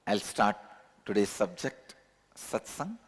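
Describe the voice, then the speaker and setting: Low-ish and husky, with big pitch swings and a slow pace, this Tamil-accented teacher delivers a spiritual discourse earnestly, repeating key words for emphasis. His voice echoes with the long reverb of a large satsang hall.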